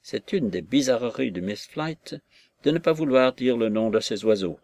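A man reading a classic novel aloud as an audiobook, in a measured, expressive storytelling manner. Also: medium pitch, no room sound. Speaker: reader. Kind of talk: audiobook narration.

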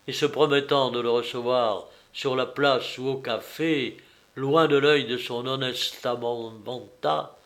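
A man narrating a novel aloud in a measured, even reading voice. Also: mid-range voice. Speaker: audiobook reader.

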